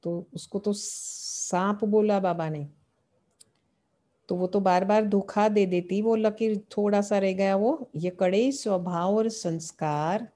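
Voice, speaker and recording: Woman, devotional sermon, mellow warm tone, rhetorical questions, repeated phrases. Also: medium pitch. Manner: asks rhetorical questions and answers them, repeating key phrases. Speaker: spiritual teacher. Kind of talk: devotional sermon explaining scripture.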